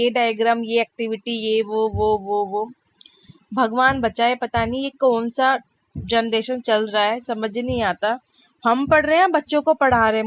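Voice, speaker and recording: A woman in her thirties, a mother, narrating her busy day in a chatty, exasperated vlog voice-over. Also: a little high. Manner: chatty, exasperated, complaining humor. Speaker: vlogger, mother.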